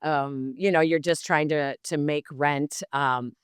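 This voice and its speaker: A woman's voice: deep voice, slow pace, smooth, dry recording, studio quality. A woman in her fifties, a sports broadcaster guesting on a podcast, tells rambling stories with lots of fillers. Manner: animated, rambling with many fillers. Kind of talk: casual anecdotal storytelling.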